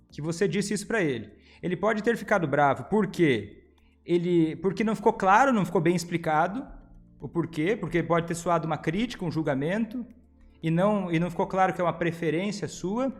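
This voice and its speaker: A man, hosting and giving casual advice on viewer questions, often acting out example phrases. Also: high-pitched. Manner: many fillers and restarts. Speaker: host answering viewer questions.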